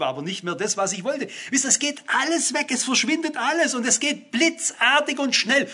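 An older man delivers a sermon in a very high, pushed, bright voice with a breathy edge. He speaks directly to the congregation, building emphatically toward exclamations.

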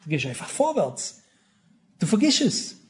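A man's voice: high-pitched, huge pitch swings, a little slow. A male preacher giving a sermon, emphatic and repetitive, speaking straight to his congregation.

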